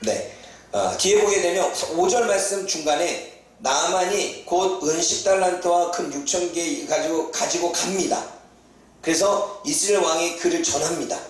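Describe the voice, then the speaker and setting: Male pastor, high voice, lively sermon, recorded far off in a booming hall. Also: moderate pace. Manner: acts out biblical characters in lively raised voice. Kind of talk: sermon with acted-out quotes. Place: church hall.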